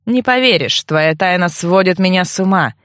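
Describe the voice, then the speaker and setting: A woman's voice: lowish voice, lively intonation, moderate pace, a bit bright, no echo, studio quality. A woman voicing a smug young man who mocks and blackmails the heroine in a sly, taunting way. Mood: menacing.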